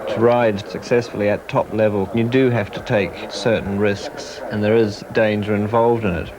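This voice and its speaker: New man, horse rider, low monotone voice, measured and reflective, music underneath. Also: a crowd in the background, poor audio. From New Zealand. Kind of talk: documentary interview.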